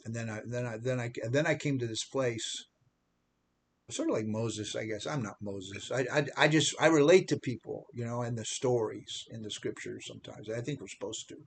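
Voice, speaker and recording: An American man in his seventies gives a rambling personal testimony, repeating words, restarting, and putting himself down. His medium-pitched voice has vocal fry and moves at a normal speed. A little hiss or hum runs under the recording.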